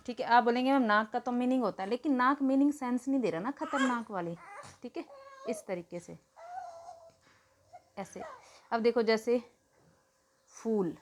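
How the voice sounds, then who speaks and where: A woman teacher explains grammar to her students in an even, mid-pitched voice. She poses questions and answers them herself, repeating each key word slowly. Now and then she turns to the children and tells them to note a point down. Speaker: Hindi teacher.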